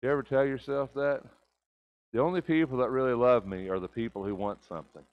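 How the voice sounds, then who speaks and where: A man's voice: medium pitch, fairly quick, narrow, tinny audio. An older man preaching a conversational sermon in a church sanctuary, asking the congregation rhetorical questions.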